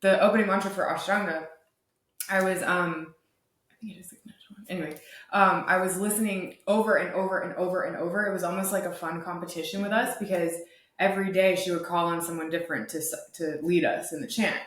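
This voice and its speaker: A woman's voice: lowish voice, fairly even intonation, a bit bright. Chatty woman in an echoey room. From Georgia, USA. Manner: chatty, laughs often, talks in quick bursts. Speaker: podcast co-host. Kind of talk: casual chat.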